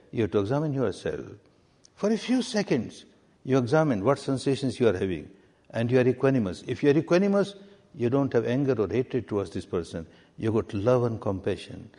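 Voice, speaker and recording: A man from Myanmar, a meditation teacher answering questions in a deliberate way and repeating key words for emphasis. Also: mid-range voice, mellow. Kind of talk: answering questions in a spiritual talk. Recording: long reverb of a hall.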